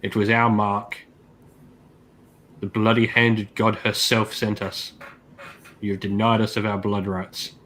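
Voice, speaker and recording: A man's voice: lowish voice, flat delivery, a little slow, long pauses, a bit bright, a little hiss or hum, rough recording. A man voicing a stern, vengeful female witch elf leader in a tabletop game, speaking in a cold, demanding way.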